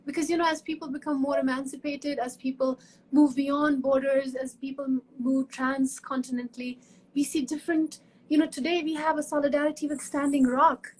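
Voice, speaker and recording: A woman from Kashmir, a guest academic, speaks earnestly in a conversational interview, often restarting and repeating words. Her voice sits high with a flat, fairly quick, slightly mellow delivery. The low-quality recording carries a little hiss or hum.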